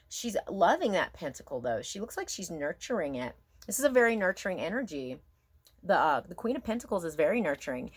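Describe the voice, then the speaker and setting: Musing woman with a lowish voice reading tarot. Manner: musing, halting, asks herself questions and checks in with "okay?". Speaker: tarot card reader. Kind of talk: casual intimate tarot reading, thinking aloud.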